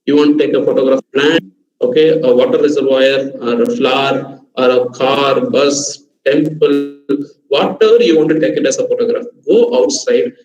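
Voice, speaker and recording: A man's voice: medium pitch, moderate pace, darkish tone. Indian man teaching over a roomy, dull video call. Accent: Indian English. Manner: repeats "okay", gives numbered step-by-step tips. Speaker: online workshop trainer. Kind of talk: live online lecture.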